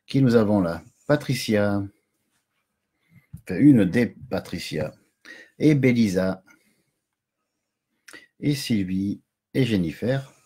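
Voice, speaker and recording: A man's voice: lowish voice, animated, slow, pauses often, mellow, breathy edge. A middle-aged man hosting a casual live stream from home, chatty and jokey, greeting viewers and chuckling often.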